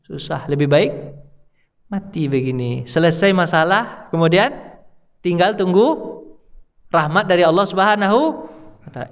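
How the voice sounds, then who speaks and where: A man's voice: medium pitch, in a large hall. A middle-aged male Islamic preacher giving a study sermon in a mosque, chatty, often asking the congregation questions. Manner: conversational, asks the congregation questions. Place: mosque hall.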